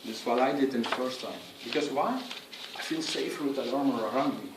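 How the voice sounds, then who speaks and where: A man's voice: medium pitch, far from the mic, background noise. Earnest man speaking in an echoey room. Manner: earnest, instructive, halting phrasing. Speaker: speech giver. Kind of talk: prepared speech on public speaking. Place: room with an audience. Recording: echoey room, picked up from afar.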